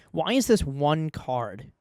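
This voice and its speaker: A man's voice: on the high side, darkish tone, dry recording, clean studio sound. A man co-hosting a casual podcast, reading sponsor spots and laughing easily. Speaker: podcast co-host.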